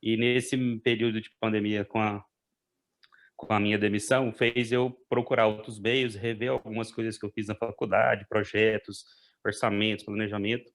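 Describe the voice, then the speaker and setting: A man in his late thirties, a student speaking up in an online class, talking slowly and hesitantly and restarting his sentences. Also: lowish voice, level tone. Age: 30s.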